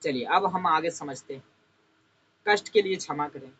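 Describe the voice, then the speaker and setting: Man teaching English phrases, slow and clear. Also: a little high, fairly bright tone, slight background noise, low-quality recording. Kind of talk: spoken English lesson in Hindi.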